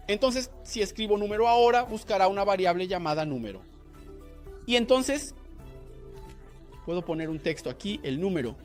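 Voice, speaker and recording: A man's voice: high-pitched, darkish tone. A man teaching a coding lesson, explaining each step and asking rhetorical questions to the viewer. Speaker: programming instructor. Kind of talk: screen-recorded coding lesson.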